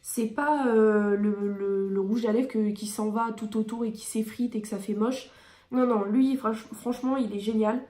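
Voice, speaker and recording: A woman's voice: on the high side, fairly even intonation, normal speed, dark tone, roomy sound. A woman beauty vlogger reviewing her favourite products in a chatty, enthusiastic way with frequent hesitations.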